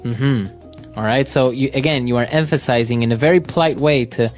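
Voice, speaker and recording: A man's voice: medium pitch, normal speed, soft background music. A man from Ecuador co-hosting an English lesson podcast, talking in a friendly, conversational way. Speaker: English teacher co-host.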